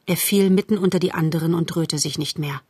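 A woman narrating a storybook in a measured, calm way. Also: lowish voice, husky, no echo. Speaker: audiobook narrator.

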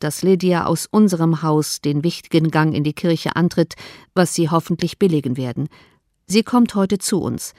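A woman reading a sober middle-aged uncle's formal letter in an audiobook, measured and earnest. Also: fairly low pitch, dark tone, no echo, studio quality, natural voice.

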